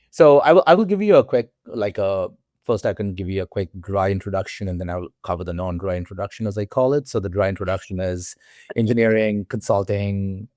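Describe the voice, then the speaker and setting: A man, a guest in an interview, talking haltingly with many fillers and restarts. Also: low-pitched, darkish tone, no echo, clean studio sound. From India. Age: 40s. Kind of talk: interview conversation.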